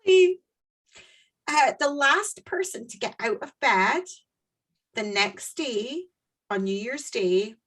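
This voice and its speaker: Scottish woman, husky and lively. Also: on the high side, takes it slowly, pauses often. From Scotland. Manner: chatty, laughs while telling stories. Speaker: podcast co-host. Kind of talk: casual chat.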